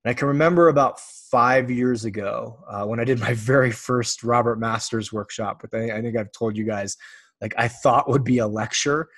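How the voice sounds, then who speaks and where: Man, podcast host, solo monologue, blunt, casual storytelling, swears freely, mid-range pitch, dry close mic. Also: normal speed, fairly bright tone, no echo.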